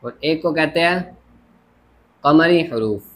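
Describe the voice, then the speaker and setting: Guy teaching grammar at a whiteboard, kinda high voice, keeps saying ok got it. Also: lively intonation, slow, fairly bright tone. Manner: explains step by step, repeats "theek ho gaya". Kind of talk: classroom lecture at a board.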